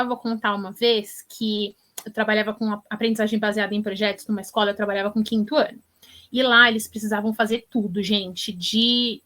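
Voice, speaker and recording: Animated woman teacher. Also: a little high. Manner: animated storytelling, encouraging. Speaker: teacher and education influencer guest. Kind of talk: interview answers.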